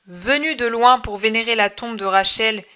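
Jesus, a gentle preacher, speaks solemn and measured words to a grieving crowd, as a woman reader gives his lines. The voice sits fairly high and bright, with a clear, lifted tone.

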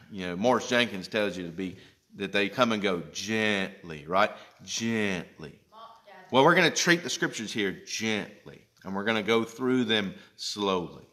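Captured on a closely held phone camera inside a church sanctuary, a pastor in his thirties teaches children a Bible lesson. His mid-range voice stays slow and gentle as he walks through each step and pauses to ask checking questions.

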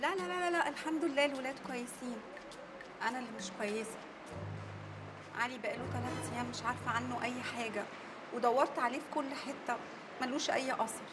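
A woman's voice: on the high side, quick pace, over music, lightly acted. An actress playing an emotional female journalist who speaks theatrically in an Egyptian Arabic accent. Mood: worried. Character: emotional young female journalist, quick to tears.

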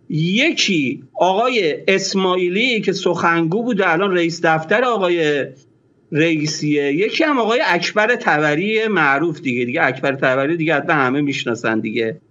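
A man with a high-pitched voice tells his story in a rush, breaking off and restarting his sentences as he goes. He comes through a dull, muffled line, with the top end of the sound cut away. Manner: excited, quick recounting with many restarts. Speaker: guest, former newspaper editor-in-chief. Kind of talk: animated storytelling in an interview.

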